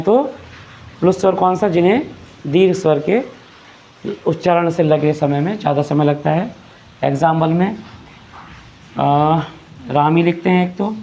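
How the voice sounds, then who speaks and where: A man's voice: on the high side, gravelly, a little mellow, slight background noise. A man teaching a grammar lesson, explaining patiently, repeating phrases and asking rhetorical questions. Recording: dull lo-fi recording.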